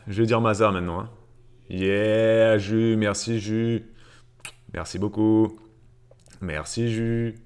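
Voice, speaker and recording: A fairly low-pitched man hosting a relaxed finance livestream from a home setup. He talks loosely, greets viewers one by one and pads his sentences with fillers and restarts. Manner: chatty, greets viewers by name, many fillers and repeats. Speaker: livestream host on personal finance. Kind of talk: casual livestream chat reading viewer comments.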